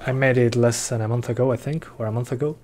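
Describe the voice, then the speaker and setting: A young Uruguayan man talks fast in a mid-range, slightly mellow voice with fairly even intonation. He chats casually as he streams a game and reads the chat aloud, with faint gunfire and slight noise in the background.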